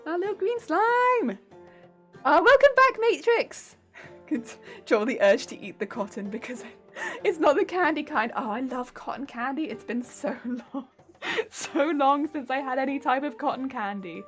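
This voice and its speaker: On a craft stream, a young woman from Hampshire, England, sews and chats in a southern English accent, giggly and rambling with lots of laughter. She keeps a measured pace, her high-pitched voice expressive and fairly bright, with soft background music underneath.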